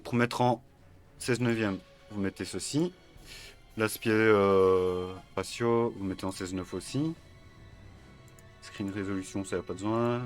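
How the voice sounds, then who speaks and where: Male tutorial host; low, hesitant, casual, faint music. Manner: hesitant, many fillers and self-corrections. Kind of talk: casual screen-recorded tutorial.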